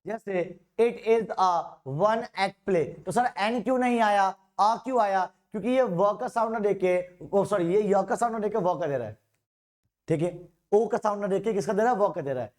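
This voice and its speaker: A man teaching an exam-prep grammar lesson, chatty and informal, reading out example sentences slowly and often correcting himself mid-sentence. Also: high voice, darkish tone. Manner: informal, repeatedly calls students "bhaiya".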